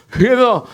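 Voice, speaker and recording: High-voiced man giving a chatty sermon. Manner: asks the congregation questions and acts out quoted voices. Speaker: pastor. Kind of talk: casual conversational sermon. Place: church sanctuary.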